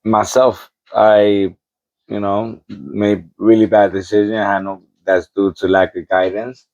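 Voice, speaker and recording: A man's voice: fairly low pitch, flat delivery, slow pace, creaky, a little mellow, no echo. Hesitant New man, dull dry audio. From the Bronx, New York, United States. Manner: short, hesitant answers with restarts. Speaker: interview guest. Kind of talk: interview answers.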